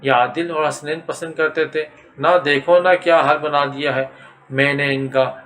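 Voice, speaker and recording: A man's voice: fairly high pitch, steady tone, fairly bright tone, lightly acted. A man voicing a jealous jinn in a tree. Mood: menacing. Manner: menacing, boastful threats. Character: possessive jealous young male jinn in a tree.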